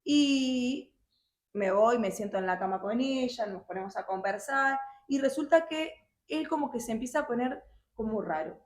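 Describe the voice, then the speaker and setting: A young woman telling her personal testimony in a halting, emotional way with many restarts. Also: fairly high pitch. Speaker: guest sharing her testimony. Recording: roomy echo.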